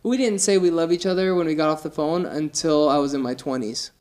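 A young man co-hosts a podcast in casual chat, his voice slightly high, fairly quick and a bit mellow. He sounds earnest and emotional, restarting his sentences often.

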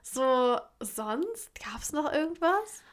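Young woman, kinda high voice, chatting super animated w slang and laughs. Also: slow pace. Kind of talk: casual chat.

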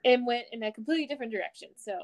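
A woman guest on a podcast, a chiropractor, chatting casually in a relaxed way with many "like" fillers. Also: fairly high pitch, racing. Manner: relaxed, heavy use of "like" fillers. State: postpartum mother.

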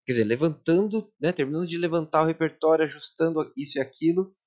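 A man's voice: a little high, fast talker, a little mellow, lo-fi sound. A man with a Brazilian Portuguese accent in casual podcast chat, explaining things in slangy everyday speech as a guest musician.

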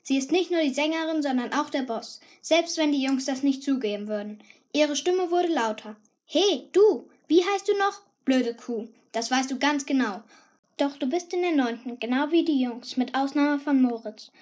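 A woman reading a first-person story aloud with a lively, cheeky teenage tone. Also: high voice, moderate pace. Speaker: audiobook narrator. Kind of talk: scripted first-person narration.

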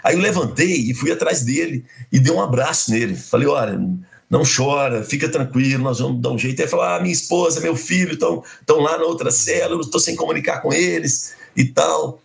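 Brisk and gravelly, on the high side, a middle-aged man from Belo Horizonte shares a personal story as a guest. He's animated throughout and acts out what people said.

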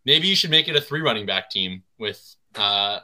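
Bright-voiced man hosting a podcast. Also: on the low side, expressive, moderate pace. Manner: chatty, laughs easily. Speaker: podcast host. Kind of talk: casual fantasy football chat.

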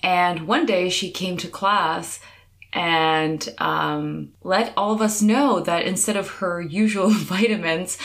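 A woman's voice: lowish voice, takes it slowly, a bit bright. A woman co-hosting a casual chat, telling stories with dry, sarcastic humor. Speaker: podcast co-host.

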